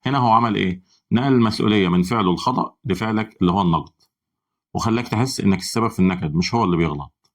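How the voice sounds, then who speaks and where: A man with an Egyptian Arabic accent presenting a psychology channel in scripted explainer narration, with brisk, even, instructive delivery. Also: lowish voice.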